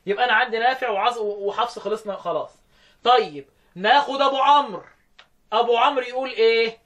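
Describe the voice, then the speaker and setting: The recording cuts off the highs from this man's extremely high, slightly bright voice. Speaking with an Egyptian Arabic accent, he tests a student on the variant Quran readings in call-and-response style, echoing every answer and slowly drilling phrases.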